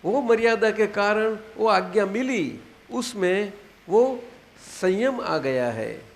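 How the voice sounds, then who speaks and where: An elderly man in his eighties with a Gujarati accent teaches his disciples at a satsang. His voice is high and gravelly, his pitch rises and falls with lively swings, and he speaks slowly, repeating himself and asking if they follow. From Gujarat, India. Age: 80s. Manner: unhurried, repeats phrases and checks understanding. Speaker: spiritual teacher. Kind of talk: spiritual discourse to disciples. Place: satsang gathering hall.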